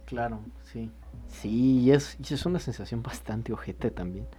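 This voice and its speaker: A man co-hosting a podcast, chatting casually about song lyrics in an animated way, swearing freely and thinking aloud with restarts. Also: medium pitch, a little slow, soft background music. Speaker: podcast co-host.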